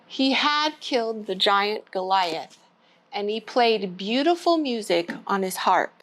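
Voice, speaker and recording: This church storytime host is a woman reading a picture book to little ones, using easy language and addressing them simply. Her mid-range voice has lively intonation and a slow pace, though the rough recording carries a slight hiss or hum.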